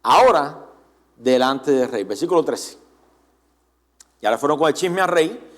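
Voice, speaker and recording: A male pastor delivers a church sermon with a fairly high voice that rises and falls dramatically. He keeps turning to the congregation with questions, animated and engaged throughout. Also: a little slow.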